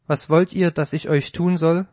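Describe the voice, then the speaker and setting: A man reading the words of Jesus in a scripted audio Bible, with measured, solemn archaic phrasing. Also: fairly high pitch, fairly even intonation, a little mellow, dry recording, close to an everyday voice. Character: Jesus, calm grown male teacher.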